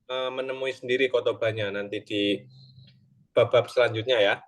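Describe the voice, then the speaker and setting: A man's voice: mid-range voice, steady tone, moderate pace. A young man tutoring an online class, explaining grammar patiently step by step and checking in with short tag questions. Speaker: Japanese tutor. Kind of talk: online Japanese lesson explained in Indonesian.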